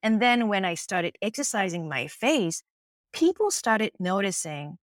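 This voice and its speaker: In a dry, close recording, a middle-aged face yoga teacher with a Japanese accent answers interview questions. Her mid-range voice is sing-song and measured as she tells her story earnestly and reflectively, often slipping into quoted lines.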